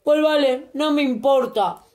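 A woman's voice: high voice, very animated, slow pace, a little mellow, reverberant, pitched above the performer's own voice, exaggerated voice. A woman from voicing a defiant, bossy little boy in a storybook reading. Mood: sulky. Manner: bossy, spirited. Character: defiant little boy who becomes king of the monsters.

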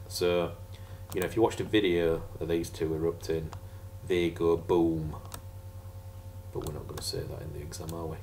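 Deep-voiced jokey teacher. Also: male voice, a little hiss or hum. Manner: jokey, sarcastic, chatty asides. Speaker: geography teacher. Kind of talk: casual revision lesson over slides.

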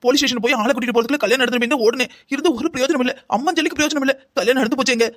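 A voice actor playing an angry middle-aged mother in a cartoon drama, scolding in a rapid-fire way. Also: medium pitch, a bit bright, lightly acted. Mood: grieving. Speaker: bride's mother.

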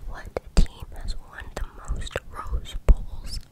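An ASMR reader speaks entirely in a cupped-hand whisper. The voice is unvoiced and very close to the microphone, reading out short questions and facts. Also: slow. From Cambodia. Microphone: very close to the mic, hands cupped.

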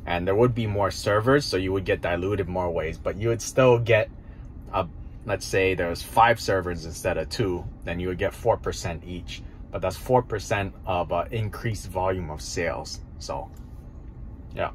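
At night in a parked car, a restaurant owner in his thirties talks casually into a phone camera held close, thinking aloud with many fillers. His voice is low and at normal speed, with a little hiss or hum.

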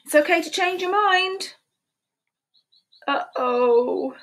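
With a very high, fairly bright voice, a woman in her fifties reads picture books aloud to preschoolers in slow, sing-song storytime fashion. It's recorded via a desk webcam in a small room in her home.

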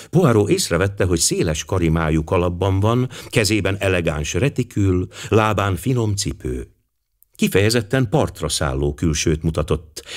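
Low-voiced, expressive male narrator. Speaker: audiobook narrator. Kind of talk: scripted narration.

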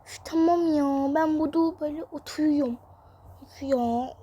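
A whiny, sleepy little girl, always sighing and complaining, as a woman puts her on. The voice sits high and pinched, dragging out her groans in a game role-play. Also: moderate pace, dark tone, natural voice.

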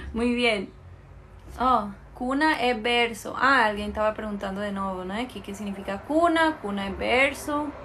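A Colombian woman, a native Spanish speaker, runs a live language class. She talks slowly and patiently, repeating each word so students can copy it. Her voice sits a little higher than most women's. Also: sharp tone, slight background noise. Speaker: Spanish teacher. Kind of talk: live online language lesson.

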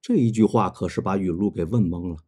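A man narrating a novel retelling in a dramatic, expressive way. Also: deep voice, quick pace, husky. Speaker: storyteller.

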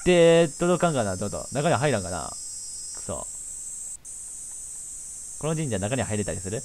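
A man's voice: lowish voice, sing-song, normal speed, a little mellow. A young man, casually commenting on a horror game, muttering and joking as he reads the lines aloud. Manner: jokey, mutters to himself, plays characters' lines in put-on voices. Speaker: game streamer. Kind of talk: casual let's-play commentary, reading game text aloud. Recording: game music playing behind.

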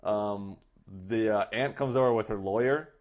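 A man's voice: fairly low pitch, normal speed, a little mellow. A man hosting a podcast who recaps a movie in casual, rambling chat full of fillers. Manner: rambling, loose storytelling with many fillers. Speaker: podcast host.

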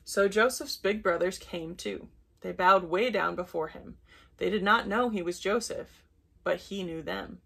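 A woman reading a children's Bible story aloud at bedtime, gentle and unhurried, with brief self-corrections. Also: mid-range voice, gravelly, breathy edge.

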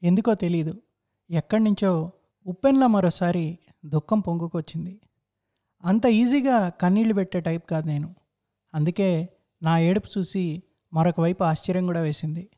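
Guy telling a story, thoughtful and inward-looking, warm mellow voice. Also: high-pitched. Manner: reflective, introspective. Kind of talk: story narration.

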